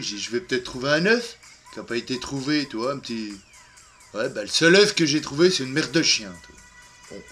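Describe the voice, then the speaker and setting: A man's voice: medium pitch, sharp tone. A man playing a lonely boozy braggart. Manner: rambling, filler-heavy, trailing off into mumbles. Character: lonely boastful boozy man, rambling and crude. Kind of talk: comic monologue in character.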